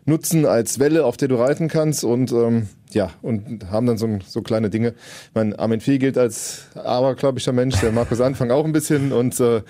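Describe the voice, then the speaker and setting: A man co-hosting a football podcast, giving casual analysis in a halting way as he searches for words. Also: medium pitch, mellow. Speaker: podcast co-host and football reporter.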